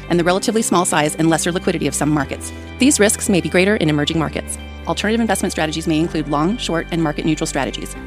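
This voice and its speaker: Woman rattling off legal disclaimer fine print super fast, lowish voice, music behind. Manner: rapid, unbroken formal reading. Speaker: disclaimer announcer.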